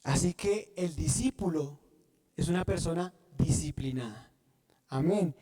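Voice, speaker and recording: A man preaching a sermon, often pausing to have the congregation fill in the word, and restarting phrases as he goes. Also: fairly high pitch, warm tone. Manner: asks the congregation to fill in words. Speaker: pastor.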